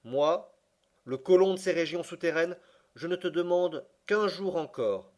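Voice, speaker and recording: Stubborn old professor guy, bossy and loud, man reading him in an audiobook. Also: on the high side, animated, unhurried, pitched above the performer's own voice. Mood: insistent. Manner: forceful, commanding. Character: stern obstinate older male professor.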